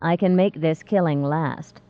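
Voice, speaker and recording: A woman's voice: deep voice, unhurried, no echo. A woman voicing Alzina, a cruel taunting kidnapper. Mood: menacing. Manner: menacing, taunting. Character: fierce cruel woman kidnapper, big and coarse. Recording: tinny phone-like dry sound.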